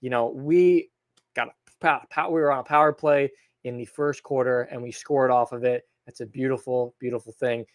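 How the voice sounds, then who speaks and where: A young man from hosting a sports podcast, recapping a hockey game in a rambling, excitable way with lots of fillers. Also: mid-range voice, moderate pace, no room sound, clean studio sound. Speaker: podcast host. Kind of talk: casual sports recap monologue.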